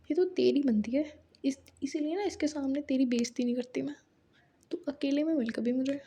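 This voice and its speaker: A woman's voice: sits high, moderate pace, mellow, a little hiss or hum. A woman voicing an indignant, sarcastic young college woman who talks in a raised, mock-outraged voice.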